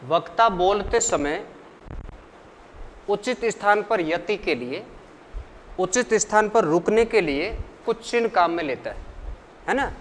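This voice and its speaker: A man teaching a lesson, asking the class questions and answering them himself in a slow, deliberate way. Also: high voice, animated, a bit bright, long reverb tail, slight background noise. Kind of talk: classroom lecture.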